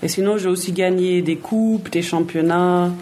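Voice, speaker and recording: In a mellow voice on the low side, a female footballer from Switzerland responds to kids' questions as a guest, plainly and warmly, frequently repeating words as she gathers her thoughts. She speaks at a moderate pace with fairly even intonation, and a little hiss or hum is audible.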